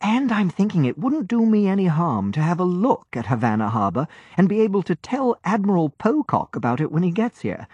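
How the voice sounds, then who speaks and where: In this audiobook, a male narrator fully commits to the voice of a late-teen naval lieutenant, cheerful, eager and confiding, pitching well above his own register. The delivery sits high and is very animated and fairly quick with few pauses, a little mellow with a breathy edge. There's no room sound, though the recording is dull and muffled.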